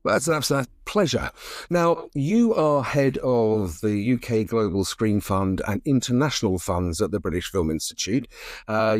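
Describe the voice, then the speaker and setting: Friendly low-voiced male interviewer. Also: darkish tone, no room sound, clean studio sound. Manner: friendly, stumbling restarts. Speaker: podcast interviewer. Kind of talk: interview questions.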